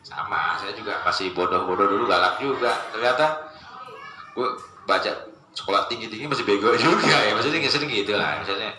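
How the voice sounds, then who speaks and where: A man giving a casual religious study lecture, joking and animated, mimicking voices as he quotes people. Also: fairly low pitch, a little fast. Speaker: Islamic preacher. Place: lecture space with a live gathering. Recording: echoey room with ambient noise.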